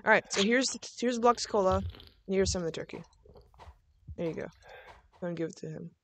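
Woman gamer, chatty, filler-heavy, laughs a lot, mid-pitched voice. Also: a little fast, a little hiss or hum. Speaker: gaming video host. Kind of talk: casual gameplay chat.

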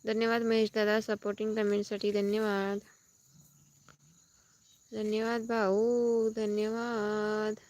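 A woman's voice: mid-range voice, completely flat delivery, slow, pauses often, a little mellow. A woman hosting a casual live stream outdoors in a farm field, chatting with viewers and thanking them for comments as she heads home. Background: crickets and insects outdoors.

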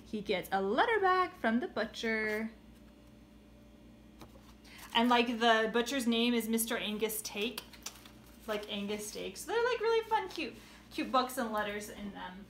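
Bright, chatty young woman. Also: fairly high pitch, lively intonation, unhurried, long pauses, a little hiss or hum. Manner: chatty, reads lines aloud playfully. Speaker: children's book seller. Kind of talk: casual book showcase. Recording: roomy echo.

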